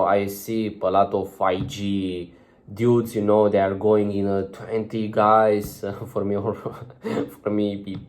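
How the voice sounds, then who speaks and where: A young man whose first language isn't English gives social advice to the camera in a slightly mellow, lowish voice. His vlog style is loose and chatty, full of fillers and restarts.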